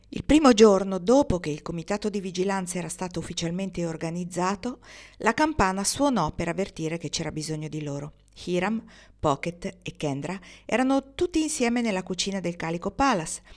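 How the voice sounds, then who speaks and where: A woman reading a literary novel aloud as an audiobook narrator, measured and expressive. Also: fairly low pitch. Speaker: audiobook reader.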